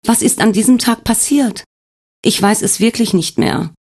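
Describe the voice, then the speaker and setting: A woman's voice: on the high side, moderate pace, darkish tone, husky, voice pushed up. A man voicing a young woman who has just woken in a hospital bed, anxious and full of questions, in an audiobook. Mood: bewildered, anxious.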